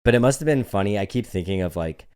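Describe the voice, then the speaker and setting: Deep-voiced man telling a rowdy story. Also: fast talker, clean tone. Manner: animated, profane storyteller who acts out dialogue. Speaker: podcast co-host. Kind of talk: casual storytelling chat.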